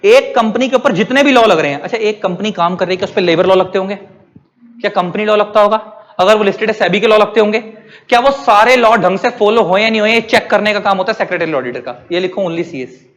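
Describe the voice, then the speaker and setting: A man's voice: high-pitched, fairly quick, a bit bright, long reverb tail. A man teaching a class. He asks his students questions and then answers them himself. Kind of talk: classroom lecture.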